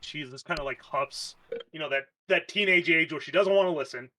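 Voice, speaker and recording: A man's voice: a little high, brisk, pushed and bright, a little hiss or hum. A man narrating as game master in a loose, casual way with lots of fillers.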